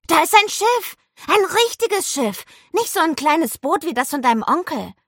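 A woman voicing a lively, friendly young boy who calls out excitedly in an audiobook. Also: mid-range voice, normal speed, dry recording, clean studio sound, lightly acted. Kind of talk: audiobook character voice.

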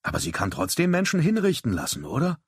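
A man's voice: medium pitch, huge pitch swings, fast talker, slightly rough, dry recording, studio quality, pitched above the performer's own voice, exaggerated voice. A man voicing a skinny, cheeky teenage boy sailor who keeps asking questions. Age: teen.

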